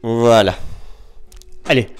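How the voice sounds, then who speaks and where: Guy teacher talking real slow to little kids, breaks words into syllables, faint music behind. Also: medium pitch, smooth. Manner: patient, spells out syllables and counts down slowly. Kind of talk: slow, patient lesson for young children.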